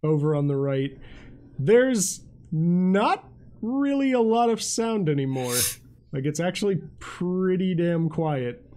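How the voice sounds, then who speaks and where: Male game master, high-pitched, informal and descriptive, narrating off the cuff. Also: very animated, takes it slowly, warm tone. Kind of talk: improvised narration of a tabletop game.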